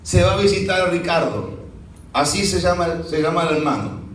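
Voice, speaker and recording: A male pastor from Uruguay preaching a sermon, telling a story with quoted dialogue and dropping his voice low and soft in tender moments. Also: lively intonation, moderate pace. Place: church sanctuary. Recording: echoey church hall, mic at a distance.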